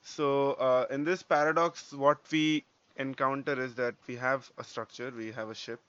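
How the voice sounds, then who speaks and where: Guy on a podcast explaining stuff step by step, keeps going right?, normal pitch, muffled lo-fi audio. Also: fairly even intonation, normal speed, fairly bright tone, clean tone, no room sound. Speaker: podcast co-host. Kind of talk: casual explanatory discussion. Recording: dull lo-fi audio.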